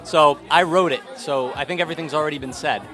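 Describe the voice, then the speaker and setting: A man with a bright, slightly high voice offers wry wedding wishes with a joke. Faint music and crowd sound behind. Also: fast. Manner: wry, joking. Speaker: wedding guest. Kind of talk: joking wedding message.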